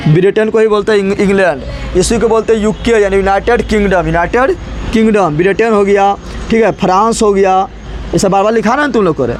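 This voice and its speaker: High-voiced teacher drilling questions. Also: male voice, slight background noise. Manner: drills students with constant repeated questions. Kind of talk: classroom lecture.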